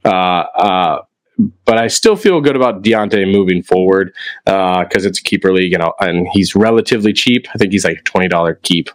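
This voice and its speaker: A man's voice: deep voice, normal speed, dry recording. A young man co-hosting a fantasy football podcast, ranting and swearing in casual chat. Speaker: podcast co-host.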